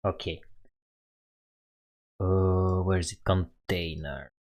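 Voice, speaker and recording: Narrating his live coding stream, a man with a Romanian accent talks through his thoughts and fixes his own mistakes as he types. He speaks slowly in a low, somewhat mellow voice with fairly even intonation.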